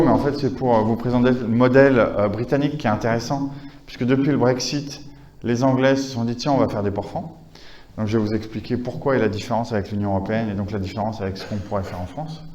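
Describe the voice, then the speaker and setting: A man's voice: mid-range voice, fairly quick, mellow, roomy sound, highs cut off. A man giving a conference lecture, talking with many hesitations, fillers and restarts. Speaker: conference speaker.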